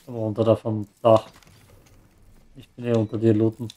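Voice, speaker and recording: A man's voice: on the low side, completely flat delivery, moderate pace, mellow, soft background music. A man giving casual commentary while playing a video game, with joking, sarcastic asides. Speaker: let's play gamer.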